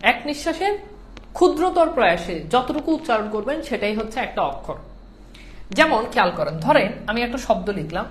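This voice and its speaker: A woman's voice: a little high, a little hiss or hum. A woman with a Bangladeshi Bengali accent teaching an online class, patient, repeating points and often checking whether students follow.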